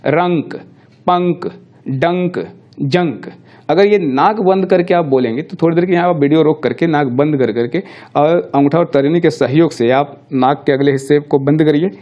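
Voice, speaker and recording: A man's voice: a little high, dark tone, dull audio. A middle-aged male teacher giving a classroom lecture, explaining step by step and answering his own questions.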